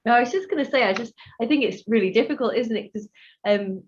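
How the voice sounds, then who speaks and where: A woman's voice: a little high, fast, highs cut off, slight background noise. A woman on a panel speaking candidly and a little hesitantly.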